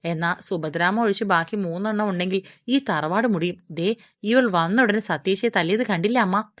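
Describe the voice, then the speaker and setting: A sharp-tongued teenage sister fires back quick, indignant retorts, read by a woman narrator. Her voice is dry and close. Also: mid-range voice, no room sound, close to an everyday voice.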